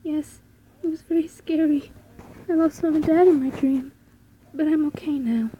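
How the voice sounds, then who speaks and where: A frightened but brave young girl from a horror game, voiced by a woman reading the dialogue. Her voice sits higher than a woman's usual speech and stays mellow and dark in tone. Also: steady tone, moderate pace, dull audio, a little hiss or hum, natural voice. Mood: shaken, relieved.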